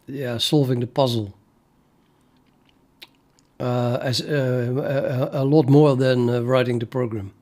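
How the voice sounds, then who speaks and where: He speaks slowly with frequent pauses, his medium-pitched voice darkish and fairly even in intonation. A Dutch-accented native speaker from the Netherlands, he streams his coding and chats casually, musing aloud with many fillers and restarts.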